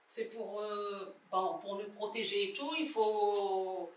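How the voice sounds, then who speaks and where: A woman teaching a primary reading lesson, sounding out syllables slowly and repeating each word. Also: medium pitch, steady tone. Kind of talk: slow, deliberate reading lesson. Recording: roomy, from a distance, faint music.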